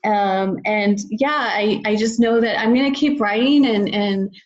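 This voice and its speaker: Speaking a little slowly at a medium pitch, this woman is a children's book author guesting on a podcast, captured with lo-fi sound. Her talk is a relaxed interview full of personal reflection, delivered in an earnest, encouraging way.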